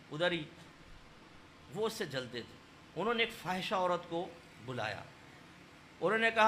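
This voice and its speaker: A man delivers a sermon, his voice pitched high and bright, pushing into loud emphatic stresses. He tells a story and acts out each quoted voice. Faint background noise hums under the recording. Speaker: religious scholar.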